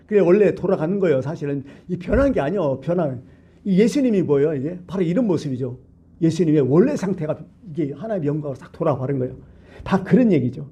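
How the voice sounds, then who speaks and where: A man pastor preaching a colloquial, lively sermon in a church, full of rhetorical questions to the congregation. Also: on the high side, husky, muffled recording. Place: church sanctuary.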